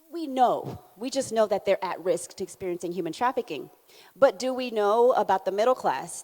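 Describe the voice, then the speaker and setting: A young adult woman from Canada with a Jamaican accent, giving a conference keynote and drawing in the audience with questions. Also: fairly high pitch. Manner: animated, engaging the audience with questions and laughs. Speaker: keynote speaker. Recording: hall reverb.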